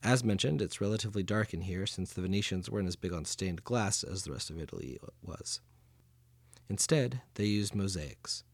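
Low-ish guy doing a jokey audio tour guide thing, casual and chatty, super dry close mic. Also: lively intonation, normal speed, creaky, dry recording. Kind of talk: scripted audio tour narration.

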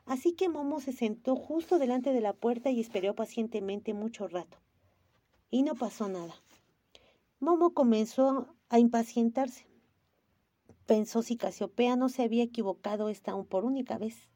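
A woman reads a storybook aloud, slipping lively into each character. Her tone is mellow and warm, pitched a little high. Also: moderate pace, dry recording. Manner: lively, varied character voices. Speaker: narrator. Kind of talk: storybook reading.

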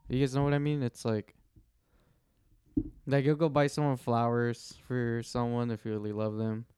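A man's voice: mid-range voice, little pitch movement, moderate pace, darkish tone, smooth, dry recording, studio quality, faint music behind. A man in casual podcast chat as a co-host, giving his opinions informally with some swearing.

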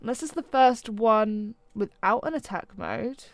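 A woman's voice: fairly high pitch, measured pace, vocal fry, no room sound. A woman co-hosting a casual chat podcast, chatty and trailing off with ums, sometimes sounding sarcastic without meaning to. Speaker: podcast co-host.

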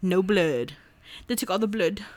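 A woman's voice: medium pitch, expressive, a little slow, a little mellow. A woman co-hosting a casual podcast, chatting and laughing as she reads her notes aloud. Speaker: podcast co-host. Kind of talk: casual chat.

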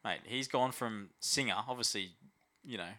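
A man's voice: mid-range voice, normal speed, bright, forceful tone. An Australian man co-hosting a casual sports podcast, talking in a laid-back, slangy, matey way.

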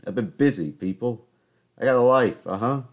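A man in his twenties from Charleston, South Carolina, with a New York-tinged accent, hosts a solo podcast. In a mid-range voice at normal speed, he tells rambling, joking, self-mocking stories about his week. The recording has its highs cut off.

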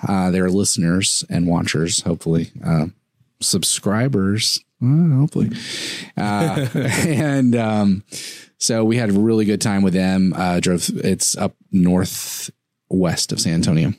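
A man, a podcast co-host, telling stories in casual chat, animated and laughing often. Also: low voice, a little slow, dry recording, studio quality.

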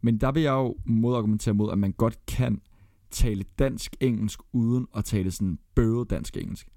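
A man's voice: on the low side, vocal fry, dark tone, no echo, studio quality. A Danish man co-hosting a podcast in casual chat, blunt and swearing freely as he counts down a ranked list. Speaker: podcast co-host.

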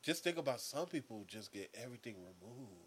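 A man with a mid-range voice in a relaxed podcast chat. He speaks earnestly and reflectively, working through his thoughts as he goes. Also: medium pitch, brisk, husky. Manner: earnest, reflective, thinks aloud. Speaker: podcast co-host.

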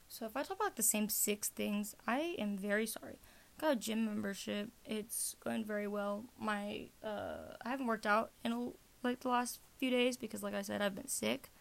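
A woman's voice: medium pitch, gravelly. A teenage girl hosting a casual rambling podcast, chatty and self-mocking, jumping between topics. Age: teens. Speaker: podcast host.

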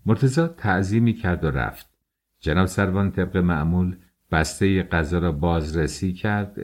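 Male audiobook narrator, low deep voice, calm and steady.

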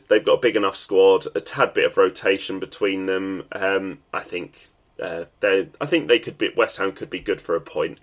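A man with a stuffy, nasal voice, chatting casually as the solo host of a football podcast, with plenty of ums and restarts. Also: low voice.

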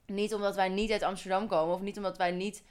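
Young woman, from Holland, podcast co-host, casual chat, explanatory, rambling tangents, mid pitch. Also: flat delivery, fast talker, clean tone. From Holland, Netherlands. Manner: explanatory, thinks aloud, goes on tangents.

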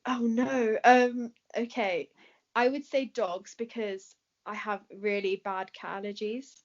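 A woman with an English accent and a fairly high voice answers questions in a casual chat, speaking slowly with fairly even intonation. She's chatty, laughs often and uses lots of fillers. The recording sounds dull and lo-fi.

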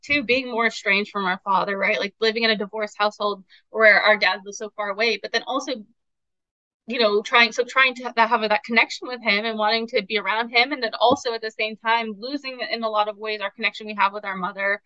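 A young woman with a bright, forceful, fairly high voice talks through a casual podcast chat, emotional and rambling, full of filler words. The sound is dry and slightly dull, like a lo-fi home recording. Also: fairly even intonation, a little fast, no room sound. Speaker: podcast co-host.

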